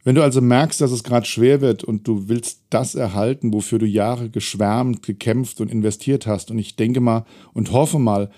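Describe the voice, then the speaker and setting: A self-employed trainer in middle age shares a personal story about his setbacks, sounding reflective, candid, and a little wry. He has a mellow, medium-pitched voice with fairly even intonation, speaking at a moderate pace with few pauses.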